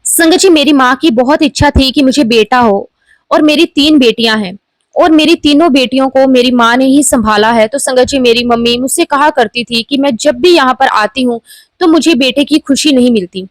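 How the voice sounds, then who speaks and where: High-voiced woman telling a devotional story. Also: moderate pace, no room sound, low-quality recording. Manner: earnest storytelling, often addressing listeners as "sangat ji". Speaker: devotee sharing a testimony. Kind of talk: devotional personal testimony.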